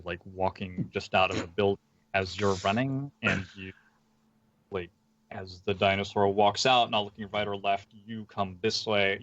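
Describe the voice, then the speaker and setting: A man narrating as game master of a tabletop game, talking with many fillers and slowing down for descriptions. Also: sits low, a bit bright, highs cut off. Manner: hesitant, filler-heavy narration with slowed descriptive passages.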